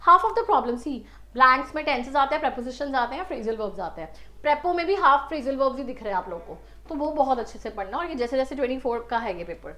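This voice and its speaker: High-voiced Indian woman teaching English. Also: fairly bright tone. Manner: explains step by step, spells words out letter by letter. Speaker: exam prep teacher. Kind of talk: online lesson, mixing English and Hindi.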